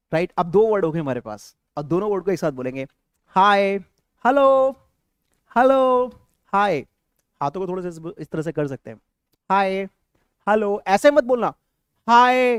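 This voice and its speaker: A man teaching an English-speaking lesson to a class, animated and drilling words by repetition. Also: high voice, no echo, clean studio sound.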